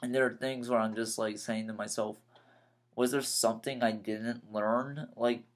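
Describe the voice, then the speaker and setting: A nineteen-year-old man talking in a rambling personal vlog, halting and repeating himself as he vents his frustrations. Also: medium pitch, fairly even intonation. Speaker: vlogger.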